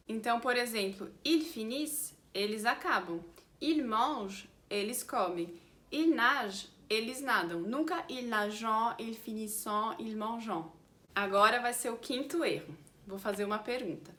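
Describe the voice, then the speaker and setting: A young woman with a fairly high voice gives a clear, patient French lesson from a home setup. She slows down noticeably whenever she says an example sentence. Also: fairly bright tone. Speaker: French teacher. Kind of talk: language lesson. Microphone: desk microphone.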